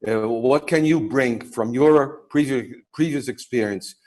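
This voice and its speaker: Older host asking measured questions. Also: male voice, medium pitch, darkish tone. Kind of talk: interview questions. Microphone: video call.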